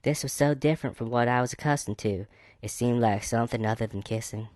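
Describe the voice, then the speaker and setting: A man's voice: mid-range voice, fast talker, darkish tone, no echo, lightly acted. A man reading as a woman narrating a romance. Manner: slightly raised put-on woman's voice with a mock Texas accent. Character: woman narrating her own romance story. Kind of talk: reading a novel aloud.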